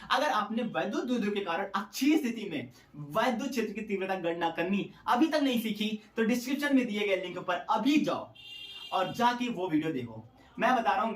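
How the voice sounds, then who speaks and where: In this playful lesson, a young man with a high voice explains a physics derivation with dramatic flair and jokes, putting on student voices along the way. The recording is distant and echoey, and a dog can be heard barking.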